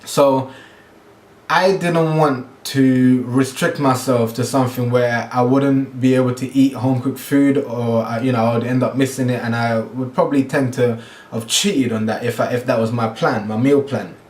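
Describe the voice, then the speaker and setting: A man's voice: medium pitch, fairly even intonation, moderate pace, echoey room. A man from Guyana talking casually to camera about his diet, with many fillers and restarts. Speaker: fitness vlogger.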